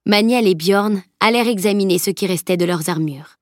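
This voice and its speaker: A woman narrating an audiobook in a measured, even storytelling voice. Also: mid-range voice, no echo, clean studio sound.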